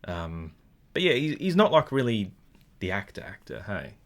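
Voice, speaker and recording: A man's voice: fairly low pitch, very animated, moderate pace, a bit bright. A man co-hosting a casual review chat with an Australian accent, chatty and hedging, often laughing. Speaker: podcast co-host.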